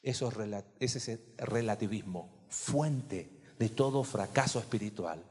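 Conversational pastor preaching in a hall. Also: male voice, fairly low pitch, unhurried, darkish tone, slightly rough. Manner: conversational, asks the congregation questions. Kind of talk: sermon. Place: church.

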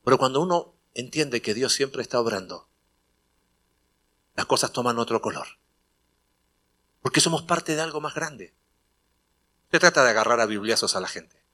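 Bright-voiced male pastor telling a story. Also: fairly high pitch. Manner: conversational storytelling, acting out dialogue, rising to emphatic preaching. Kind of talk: sermon with personal anecdote.

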